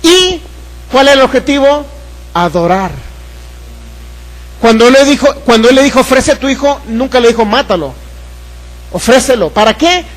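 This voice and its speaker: A man's voice: very high-pitched, expressive, moderate pace, pauses often, poor audio. A man with a Mexican Spanish accent preaching a sermon, putting questions to the congregation and acting out Bible scenes. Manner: acts out voices from the Bible story. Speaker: pastor.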